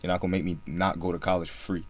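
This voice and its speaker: A young Singaporean man co-hosts a casual podcast, recounting his story in a relaxed way full of fillers. His voice is deep with little pitch movement, and he speaks very fast.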